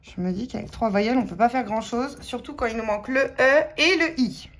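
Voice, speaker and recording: A woman's voice: fairly high pitch, a little fast, a bit bright. A woman with a French accent giving casual, chatty commentary as she scratches lottery tickets, talking to her viewers and spelling out letters one by one. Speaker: scratch-card vlogger.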